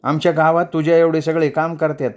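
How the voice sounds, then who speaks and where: A man voicing a small, curious and outspoken village girl in a raised childlike pitch for a storytelling reading. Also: level tone, fairly quick, clean tone, lightly acted.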